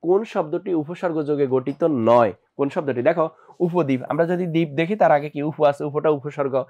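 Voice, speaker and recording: A young Bangladeshi man teaching an admission exam lesson, explaining each answer step by step and asking his students quick check questions. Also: on the high side, a little mellow, muffled recording. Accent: Bangladeshi Bengali.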